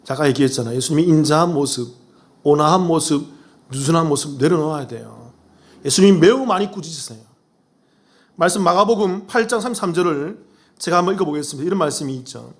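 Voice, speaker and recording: A man preaching a sermon as pastor, asking the congregation rhetorical questions and swinging between loud, rising appeals and hushed, low asides. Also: expressive, fast. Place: church sanctuary.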